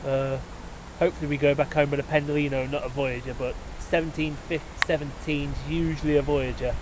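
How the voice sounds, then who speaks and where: A man with a fairly high voice narrates his trip on a railway platform, filling his talk with "uh" and "um". He rambles loosely into a handheld camera. Faint outdoor noise sits under his voice. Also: flat delivery, fairly quick. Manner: rambling, many fillers, self-deprecating. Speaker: railway enthusiast vlogger. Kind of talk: casual video diary narration.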